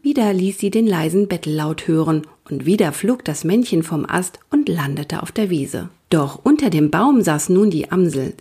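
A woman reading a children's nature story aloud, soft and partly whispered. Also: fairly low pitch, husky.

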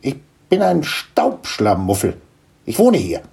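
A man voicing a small, bearded male dust gnome in a storybook reading, fussy and excitable with a gravelly, husky voice. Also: medium pitch, slow pace, pitched above the performer's own voice, full character voice. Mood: gruff friendly. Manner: fussy, excitable, tearful complaining.

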